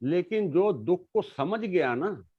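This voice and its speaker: Middle-aged man, earnest and halting, talking about his life, dull lo-fi recording with no room sound. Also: high voice, lively intonation, husky, no room sound. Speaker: guest sharing his life story. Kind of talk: casual conversation.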